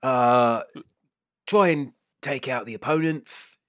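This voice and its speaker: A man's voice: medium pitch, slow, no echo, studio quality, voice pushed up, close to an everyday voice. A man voicing a battered old retired male pit-fight boss with a lisp and easygoing, breezy patter.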